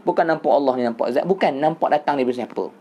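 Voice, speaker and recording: A religious teacher with a Malaysian Malay accent delivers a Sufi lecture in a fairly high, dark-toned voice at a rapid-fire pace. He explains patiently, repeats phrases for emphasis, and keeps turning back to address his listeners.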